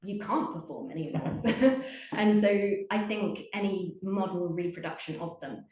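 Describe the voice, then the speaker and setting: A woman speaking on a live panel in a measured, hedging way. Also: fairly low pitch, a little mellow. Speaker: panel speaker on Dickens's plays. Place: museum event room. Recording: echoey room.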